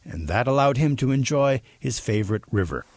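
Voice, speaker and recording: A male reporter giving a scripted documentary narration in a lively storytelling way. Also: mid-range voice, a little fast.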